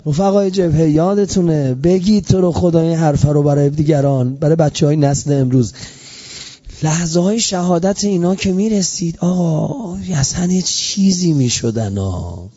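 Emotional sermon from a guy preacher, kinda high voice, muffled lo-fi recording. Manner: impassioned, repetitive, swelling and sinking in loudness. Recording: dull lo-fi recording.

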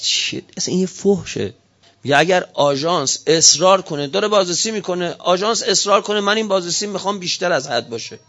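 Guy with a high voice ranting through questions, kinda muffled lo-fi sound. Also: expressive, a bit bright. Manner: heated, stream of rhetorical questions. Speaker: speaker giving a political talk. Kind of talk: impassioned speech.

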